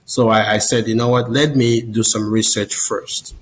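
A man's voice: lowish voice, level tone, moderate pace, rough recording. A man in his forties from Cameroon, a podcast guest on a video call, telling his personal story in a friendly, earnest way. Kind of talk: casual interview storytelling.

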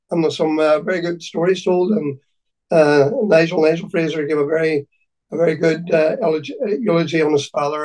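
A man with a Donegal Irish accent reminiscing in conversation, haltingly and often repeating his words. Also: a little high, darkish tone, recorded from a distance, low-quality recording. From County Donegal, Ireland.

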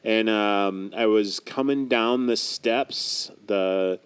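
A soft-spoken man chatting casually as a podcast co-host, speaking in a hesitant, halting way. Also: lowish voice, smooth. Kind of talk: casual chat.

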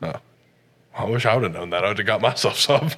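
A man's voice: lowish voice, quick pace, a bit bright, slight background noise. A man in his twenties, a college football player guesting on a podcast, ribbing his friends playfully in casual chat. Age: 20s. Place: podcast studio.

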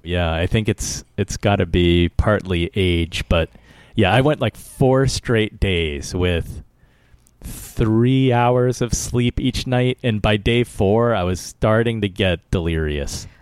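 A man's voice: fairly low pitch, takes it slowly, darkish tone, clear, resonant tone, dry recording. A man co-hosting a podcast in casual chat, easygoing and wry. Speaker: podcast co-host.

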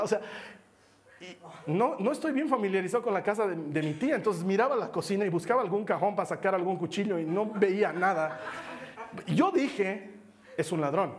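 A man preaching a sermon, telling a personal story in a lively way and acting out what people said. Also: high voice. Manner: lively storytelling, acts out quotes.

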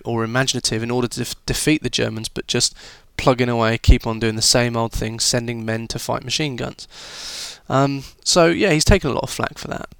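Man, history teacher, informal chatty delivery, average pitch, dry close sound. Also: gravelly, a bit bright, smooth, no room sound. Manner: chatty and informal, with filler words and restarts. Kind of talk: recorded history lesson for students.

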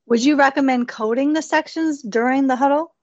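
Female host for a training podcast, fairly high voice, formal scripted delivery, lo-fi recording. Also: a little fast, a little mellow, dry recording. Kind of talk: scripted educational podcast interview. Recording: dull, lo-fi podcast audio.

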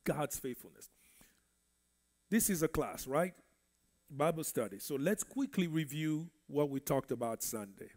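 This male minister from the Congo, a native French speaker, teaches a Bible study in church with animation. His voice sits a little high with a darkish tone, and he keeps a measured pace with frequent pauses. He preaches conversationally and repeats words.

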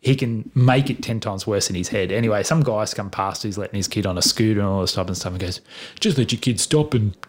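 A middle-aged man telling stories in a casual chat with friends, animated and laughing often. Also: on the low side, fast talker, few pauses.

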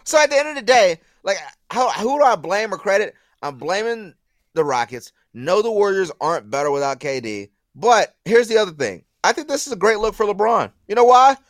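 High, animated man ranting about basketball. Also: fairly quick, no room sound, studio quality. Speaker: sports talk co-host. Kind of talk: heated sports debate.

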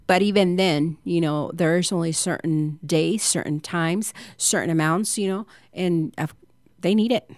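Brief: female radio guest, lowish voice, dry studio sound, short agreeing replies. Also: unhurried, darkish tone, dry recording. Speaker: radio guest, community charity organizer. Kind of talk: local radio interview.

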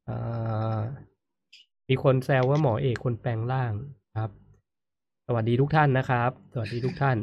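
A man's voice: medium pitch, fairly even intonation, normal speed, muffled recording. A man hosting a casual live-stream chat, reading viewer comments aloud and murmuring "mm" as he listens. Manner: frequent murmured "mm" backchannels, reads comments aloud. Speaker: host.

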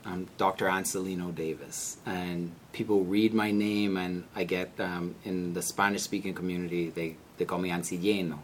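A man's voice: sits low, fairly even intonation, normal speed, few pauses, slight background noise. A man with a Bahamian accent speaking as a podcast guest in a conversational, reflective way, often repeating words as he searches for phrasing. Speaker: podcast guest, senior scientist. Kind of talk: conversational interview.

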